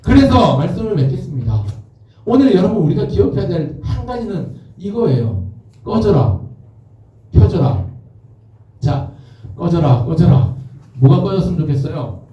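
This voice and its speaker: A man, a pastor, preaching a lively youth sermon and leading the congregation in shouted call-and-response chants in a church worship hall. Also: high-pitched, moderate pace, long pauses, dull audio. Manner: energetic, leads the crowd in shouted chants. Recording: echoey hall, mic from far off.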